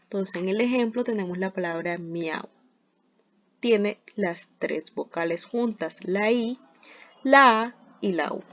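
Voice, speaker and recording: A woman's voice: medium pitch, takes it slowly, fairly bright tone. A woman teacher giving a scripted spelling lesson, explaining step by step with examples and often starting with "entonces". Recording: dull lo-fi recording.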